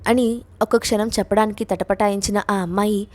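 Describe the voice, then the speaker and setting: A woman storyteller giving an expressive dramatic narration of a suspense story. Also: medium pitch, moderate pace.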